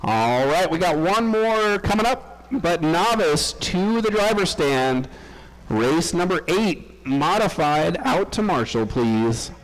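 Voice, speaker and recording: A man running the race-day announcements at an RC track, calling drivers and lineups in a brisk, chatty way. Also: fairly high pitch, lively intonation, low-quality recording. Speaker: race director. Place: indoor RC raceway.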